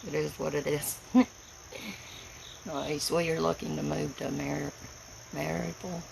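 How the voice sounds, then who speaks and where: Gravelly woman with an Appalachian Tennessee accent. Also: deep voice, level tone, unhurried, background noise. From Tennessee, United States. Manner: folksy, plain-spoken, rural speech. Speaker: livestream host. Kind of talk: casual rambling livestream chat.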